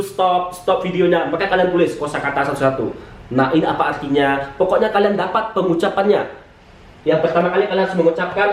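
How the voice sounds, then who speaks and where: A man teaching English in a casual, chatty way at a whiteboard, mixing English words into his talk and jumping up in pitch for emphasis. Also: distant mic. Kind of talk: casual spoken lesson at a whiteboard. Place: room with a whiteboard. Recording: echoey room.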